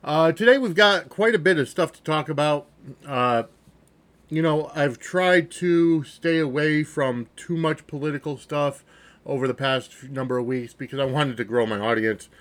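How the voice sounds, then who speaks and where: Higher-pitched American man, opinionated podcast monologue. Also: normal speed, fairly bright tone. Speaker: podcast host. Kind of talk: opinionated solo political monologue.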